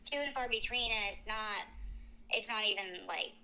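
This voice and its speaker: A woman's voice: mid-range voice, normal speed, bright, forceful tone, low-quality recording. A woman talking casually and informally over the phone, hedging and trailing off mid-thought. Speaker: content creator, prospective client. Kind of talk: casual chat on a phone call.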